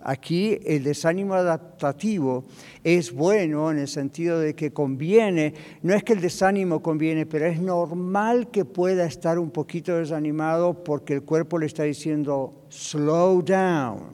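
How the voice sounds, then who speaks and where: A man preaching from the pulpit with a fairly high voice that carries a long hall reverb through the church. He is lively and conversational and switches into English phrases. He acts out little back-and-forth dialogues as he teaches. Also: normal speed. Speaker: pastor. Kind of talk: sermon. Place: church sanctuary.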